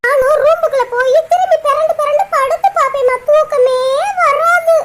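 Cartoon woman as a squeaky young wife, Kanyakumari Tamil, chatty and sulky. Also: normal speed, a bit bright. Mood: complaining. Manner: chatty, aggrieved storytelling. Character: young married woman, sulking, lazy, complaining. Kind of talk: cartoon voice acting.

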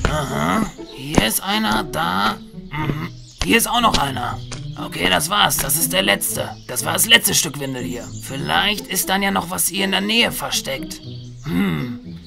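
A man as a gravelly, bumbling young dad. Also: a little high. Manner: chatty, musing aloud with hums. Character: eager, bumbling young father and self-styled detective. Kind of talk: toy figure film voice acting. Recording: music playing underneath.

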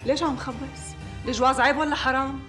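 Brief: a rapid-fire, high-voiced Syrian widow standing her ground. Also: fairly even intonation, a bit bright, soft background music. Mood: defiant. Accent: Syrian Arabic. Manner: argumentative, defiant. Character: young widow, defiant and sharp-tongued.

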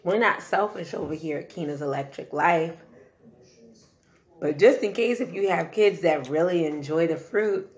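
A woman's voice: fairly low pitch, moderate pace. A woman, a mother hosting a casual family vlog, chatting playfully while her mouth is full of fruit. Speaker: vlogger, mother.

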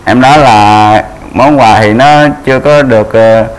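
A young man answers haltingly, breaking up his lines with fillers. His voice is fairly low, with faint noise behind. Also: poor audio. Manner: hesitant, halting, filler-heavy. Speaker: dating show contestant. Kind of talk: nervous answers on a dating show.

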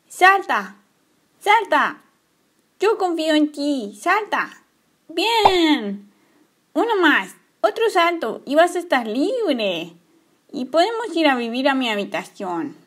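Soft little girl coaxing her pet bunny in a toy story, woman doing the voice, high pitched, slow. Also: exaggerated voice. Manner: gentle, coaxing, talks slowly to a pet. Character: young girl Emma, kind and secretive. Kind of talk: playing with toy figures.

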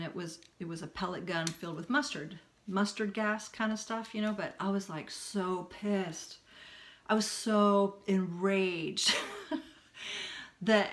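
A middle-aged woman telling a personal story in a candid, animated way, with long run-on sentences. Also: mid-range voice. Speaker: spiritual healing vlogger.

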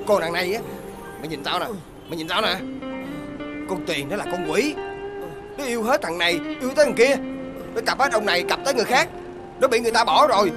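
A woman's voice: medium pitch, lightly acted. An actress playing a blunt young woman who scolds a drunk friend. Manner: fast, exasperated scolding.

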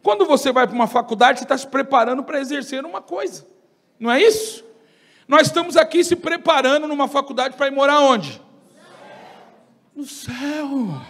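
A Brazilian man preaching at a church congress, his voice pitched very high and cutting bright. He swings between shouted bursts and voicing the people he quotes. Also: fairly quick. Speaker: pastor. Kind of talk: fiery sermon.

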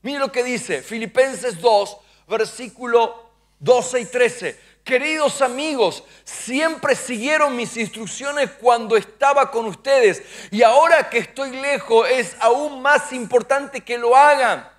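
A man preaches to his congregation in a strikingly high-pitched voice. He asks the crowd to repeat after him and stand up. He acts out short dialogues as he tells his stories. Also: slow. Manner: preaching with call-and-response to the congregation. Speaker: pastor. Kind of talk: sermon. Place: church sanctuary.

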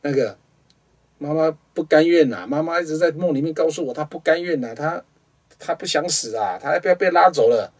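A man's voice: fairly high pitch, fairly quick, distant mic, voice pushed up. A man voicing a grieving adult daughter who pleads tearfully about her nightmares. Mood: pleading.

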